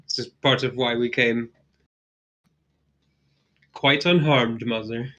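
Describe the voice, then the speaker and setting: A man's voice: medium pitch, steady tone, slow, a bit bright, muffled recording. A man playing a tabletop game over a call, in a playful, theatrical manner. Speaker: player.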